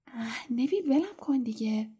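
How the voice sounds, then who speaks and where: A woman voicing a schoolboy talking in a hushed, breathless way. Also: on the high side, lively intonation, slightly rough. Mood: tense.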